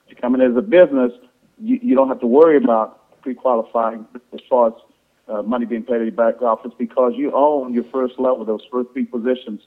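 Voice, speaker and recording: A man giving an informal sales presentation to affiliates on a conference call, explaining in a halting, repetitive way with false starts. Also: mid-range voice, animated. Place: conference call over the phone. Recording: tinny, band-limited phone conference line.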